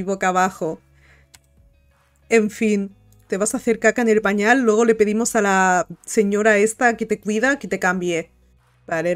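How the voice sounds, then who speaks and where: A woman giving casual gameplay commentary, cooing and chatting to the game characters. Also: fairly high pitch. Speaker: gaming video host. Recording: light music behind.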